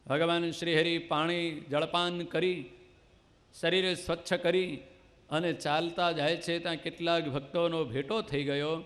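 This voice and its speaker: A man's voice: a little high, level tone, unhurried, a bit bright. A man narrating a devotional scripture story in a dramatic storytelling manner, at times half chanting. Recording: clear devotional music with tabla behind.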